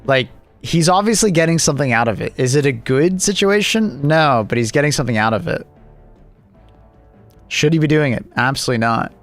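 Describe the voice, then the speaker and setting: A man's voice: on the high side, expressive, a little fast, fairly bright tone, faint music behind. A man live streaming, chatting casually with his viewers and reacting to their messages with joking, rambling asides.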